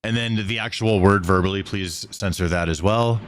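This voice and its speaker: Low-voiced man, blunt and sweary, drawn-out S. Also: a little hiss or hum. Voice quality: drawn-out S sounds. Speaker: streamer and video creator directing an editor. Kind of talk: casual live-stream talk.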